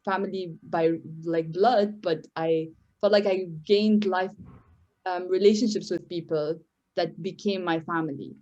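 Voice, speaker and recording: A young woman from Syria, a native Arabic speaker, talks a little slowly in a podcast interview with a low, mellow, fairly even voice. She sounds hesitant and tends to repeat words, and the recording's high frequencies are cut off.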